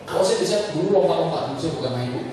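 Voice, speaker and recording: A man coaching a public speaking workshop with lively, joking energy, drilling vowels with the audience. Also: a little high, very fast. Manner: energetic, animated, jokey, drills vowels with the group. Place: large meeting hall with an audience. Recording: echoey hall, distant mic, crowd noise.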